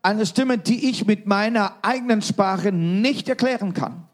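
A man with a high voice interprets a sermon live, one phrase at a time. He works quickly, restarting words and filling gaps as he goes. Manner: quick translation with restarts and fillers.

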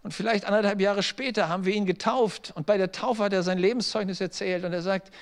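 A man's voice: high voice, fairly even intonation, quick pace. A middle-aged man preaching a sermon as a pastor, telling stories, acting out quoted voices and speaking straight to his listeners. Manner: storytelling preacher, acts out quoted voices, direct address to listeners.

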